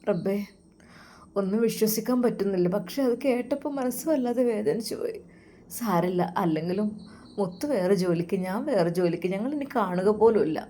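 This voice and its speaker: A woman's voice: mid-range voice, fairly quick, dark tone, slight background noise, lightly acted. A woman voicing a heartbroken young woman on a flight, speaking in a sad, resigned inner voice.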